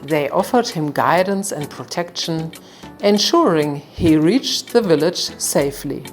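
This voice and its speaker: A female storyteller recounts a folktale calmly and in a measured manner, her voice low and unhurried. Soft music plays faintly under her narration.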